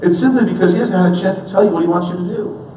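A man in his thirties preaching a sermon in an earnest way, moving between hushed, slow lines and emphatic ones. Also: sits high, a little hiss or hum. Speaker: pastor. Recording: roomy, distant church recording.

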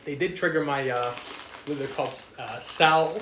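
A man's voice: a little high, normal speed, a bit bright. A man on a casual podcast panel, talking with his mouth full of chips and fumbling for words as he chews. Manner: fumbling for words while chewing. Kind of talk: casual chat. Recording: echoey room with faint noise.

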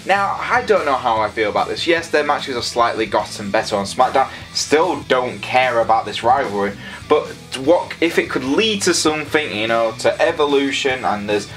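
An excitable young man runs through his picks in a casual vlog. His voice sits at an everyday middle pitch, and he keeps addressing his viewers directly as he rambles. Soft guitar music plays quietly underneath. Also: normal speed. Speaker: wrestling predictions host.

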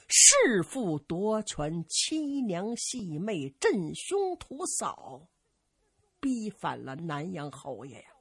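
A woman voicing a steady older village man who speaks slowly and gravely as a calm advisor. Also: medium pitch, no room sound, studio quality, exaggerated voice. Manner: slow, measured, grave.

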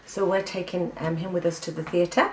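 A woman's voice: fairly low pitch, level tone, moderate pace, a little mellow, reverberant, distant mic, a little hiss or hum, poor audio. A woman with an English accent giving a breezy, chatty catch-up to camera, full of ums. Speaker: vlogger giving a personal catch-up. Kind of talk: casual chat to camera.

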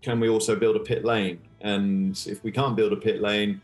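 Low-voiced man answering over video call. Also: level tone, moderate pace, faint music behind. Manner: hesitant, with fillers and restarts. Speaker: event director being interviewed. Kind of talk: interview answers.

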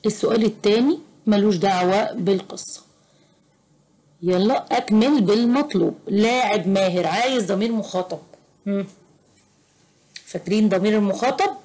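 A woman with an Egyptian Arabic accent tutoring young children in Arabic grammar, slow, patient and encouraging. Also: medium pitch, a little mellow. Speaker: private tutor. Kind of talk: teaching a children's Arabic lesson.

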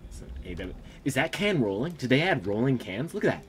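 An excitable man talks over a team shooter game, laughing and teasing his friend. His pitch swings a lot from low mutters to yelps. A faint hiss sits under the headset audio. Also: a little fast. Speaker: gamer. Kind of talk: casual gaming chat.

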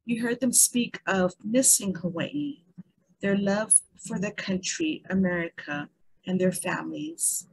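A woman's voice: mid-range voice, a little slow, creaky, a little mellow, low-quality recording. A woman presenting at an online meeting, summing up in an earnest, scripted way and listing points one by one.

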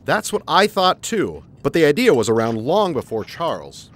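In a family audio drama, a middle-aged man voices a cheerful dad who explains things with earnest, lively enthusiasm. He speaks at normal speed with a slightly high voice.

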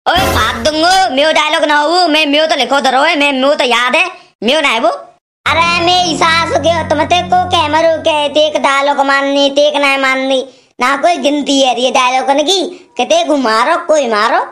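Cartoon village hopeful, played by a performer: raised pitch, Braj accent, insistent and pleading. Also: normal speed, sharp tone, soft background music. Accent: Braj rural Hindi. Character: eager village man showing off his dialogues. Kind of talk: comic cartoon dialogue.

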